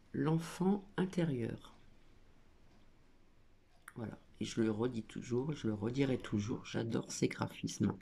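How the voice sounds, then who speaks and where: A woman's voice: low voice, vocal fry, mellow. A woman doing a casual spiritual card reading at a small table at home, hesitant with many fillers as she reads card texts aloud. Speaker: oracle card reader.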